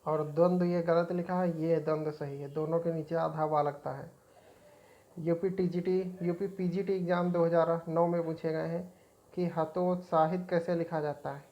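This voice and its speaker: A woman's voice: sits low, fairly even intonation, measured pace, muffled recording. A woman teaching an exam-prep spelling lesson, repeating each word as she points out right and wrong forms.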